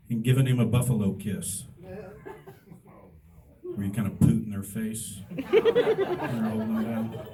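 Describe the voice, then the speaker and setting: A man's voice: medium pitch, dark tone, a little hiss or hum. A middle-aged man doing stand-up, telling a rambling anecdotal story with self-mocking asides to a live audience. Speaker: stand-up comedian. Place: comedy stage before a live audience. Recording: voice somewhat distant from the mic with faint room ambience.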